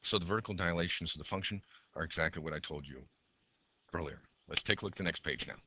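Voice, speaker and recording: A man's voice: low voice, fast talker, noisy background. A male math teacher who is losing his voice, talking through graph sketches step by step and counting aloud. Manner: talks through each step while drawing, counts aloud.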